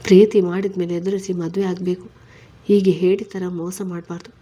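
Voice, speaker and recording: A woman's voice: lowish voice, level tone, brisk, warm tone, slightly rough. A woman reading a story, voicing a stubborn but tender young husband who is weary and troubled.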